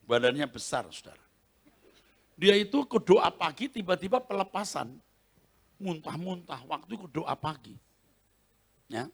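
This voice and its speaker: Animated, lively-pitched male preacher. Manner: animated storytelling, laughs often, acts out scenes. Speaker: pastor. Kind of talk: sermon. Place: large convention hall, Christmas service.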